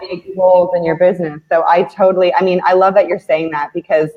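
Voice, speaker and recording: A woman's voice: fairly low pitch, little pitch movement, fast. A woman hosting a live online interview, talking casually with many restarts and fillers. Her voice comes through a video call and echoes back from a second device. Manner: chatty, with many restarts and "you know" fillers. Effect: echo of her own voice from a second device. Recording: dull lo-fi video call audio with echo.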